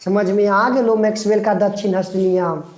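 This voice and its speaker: A male teacher giving a live online class, repeating each phrase slowly and coaxing students to recite along. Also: high voice, fairly even intonation, a little mellow. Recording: roomy echo.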